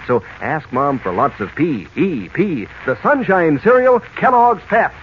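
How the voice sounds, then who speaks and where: A man on an old radio show giving a chummy, upbeat sales pitch, his intonation lively and swinging. The recording is dull and lo-fi, with a faint hiss underneath, like an archive broadcast. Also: measured pace. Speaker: radio announcer. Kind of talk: 1940s radio commercial.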